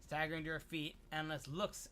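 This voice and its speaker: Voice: mid-range voice, level tone, brisk, sharp tone, a little hiss or hum. A streamer narrating a game playthrough, reading the game text aloud and joking between lines. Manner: reads the game text aloud and jokes, laughing often. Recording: voice over faint game music.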